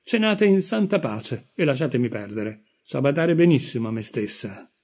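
A brisk, headstrong young woman from a read-aloud story, as a male narrator speaks her lines. The voice stays dark and husky, barely shifted from his own. She sounds firm and dismissive. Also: medium pitch, animated.

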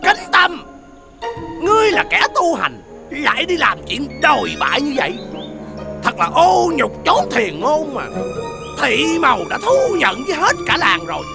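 A man's voice: very high-pitched, huge pitch swings, unhurried, creaky, heavily acted. A man playing a stern village chief who accuses in a formal, authoritative way, with music behind.

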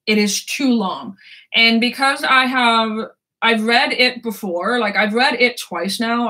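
A woman's voice: fairly high pitch, bright, forceful tone. A woman in her twenties chatting casually about books, rambling, laughing and swearing freely. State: sore throat. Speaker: book vlogger. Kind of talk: casual chat.

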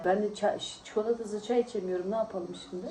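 A woman's voice: medium pitch, fairly even intonation, fast, warm tone, a little hiss or hum, rough recording. A tired woman vlogging in casual, teasing chat with friends at a friend's home. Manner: chatty, teasing, often laughing.

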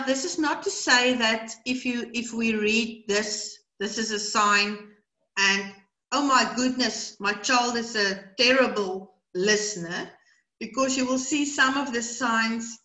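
In a webinar delivered by webcam from a small indoor room, a middle-aged South African woman with Afrikaans as her first language talks about brain training in a rambling style, heavy on fillers and repeated words. Her fairly high voice is bright and forceful, though the audio is poor and reverberant.

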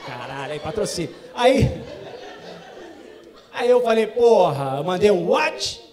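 High-voiced profane comic storyteller, man. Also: big pitch swings, a little slow, roomy sound, some chatter behind. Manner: profane, bursts into shouting, mock broken English. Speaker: comedian host. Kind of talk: stand-up storytelling. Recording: live audience laughing and reacting.

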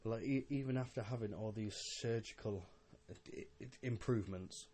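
A young man, a little drunk, giving a casual, halting, rambling monologue with repeated words and some swearing, as a podcast host. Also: on the low side, dark tone, a little hiss or hum. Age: young adult.

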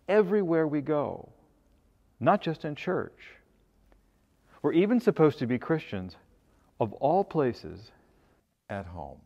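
An older man, a bishop, preaching a sermon with a measured, earnest manner. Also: medium pitch, vocal fry, a little mellow, big-room sound. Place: cathedral sanctuary, then a home dining room.

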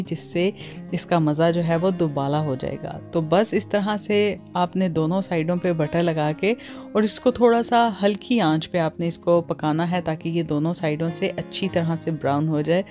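A cooking channel host with a Pakistani accent gives a voice-over cooking tutorial, mixing English words and phrases into her speech. Her voice is fairly low and warm.

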